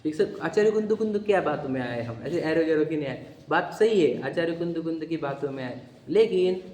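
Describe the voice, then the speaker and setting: A man's voice: on the high side, lively intonation, fairly quick, a little mellow. A man teaching a philosophy class, quizzing students and asking again and again whether they understood. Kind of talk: interactive religious philosophy class. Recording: echoey hall.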